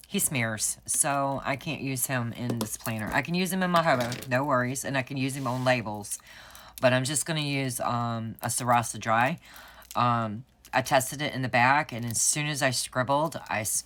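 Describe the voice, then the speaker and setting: A woman's voice: a bass voice, normal speed, fairly bright tone. A woman, chatting and telling stories while setting up her planner at home. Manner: chatty, storytelling, laughs often. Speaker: planner vlogger. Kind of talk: casual chat while crafting.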